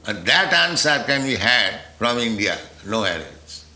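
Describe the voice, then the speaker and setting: A man giving a philosophical spiritual lecture, deliberate and pausing, checking in with the listeners with a rhetorical "huh?". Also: fairly low pitch, sing-song, sharp tone, roomy sound. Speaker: spiritual teacher.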